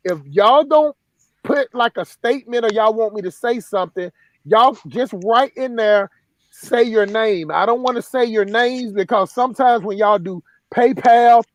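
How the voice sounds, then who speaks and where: High-voiced man hosting a live stream. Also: moderate pace. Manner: rambling, many restarts and "you know what I'm saying". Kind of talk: casual live stream talk.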